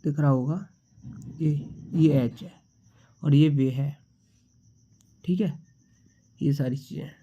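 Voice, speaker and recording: A man's voice: on the high side, takes it slowly, long pauses, warm tone. A young man with a slight cold, patiently teaching shorthand in a casual tutorial and repeating each symbol as he writes it. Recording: dull lo-fi sound.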